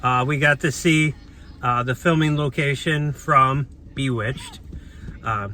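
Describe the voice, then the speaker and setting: A man's voice: medium pitch, slow pace, bright, forceful tone. A man chatting casually as a travel vlogger, rambling with many fillers and restarts. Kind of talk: casual vlog chat. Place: outdoors on town streets. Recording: outdoor street noise with passing cars.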